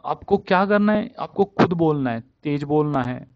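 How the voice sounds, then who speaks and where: A man's voice: a little high, animated, moderate pace, no echo. A male teacher giving a casual spoken vocabulary lesson, mixing Hindi with English and repeating each word over and over to drill its pronunciation. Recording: dull, dry, lo-fi sound.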